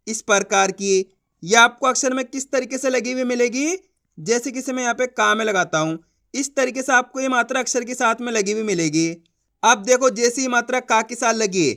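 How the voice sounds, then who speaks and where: A man's voice: very high-pitched, sharp tone. A man teaching Hindi reading, sounding out syllables one by one and stretching them, often asking the viewer whether it makes sense. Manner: drawn-out, stressed syllables when sounding out words; repeats rhetorical questions to the viewer. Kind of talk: step-by-step reading lesson.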